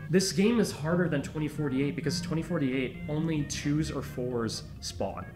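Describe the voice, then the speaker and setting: A man giving casual commentary while he plays a video game, muttering to himself and then urging the pieces on in excited bursts. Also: on the high side, moderate pace. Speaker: player. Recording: roomy echo, faint game music.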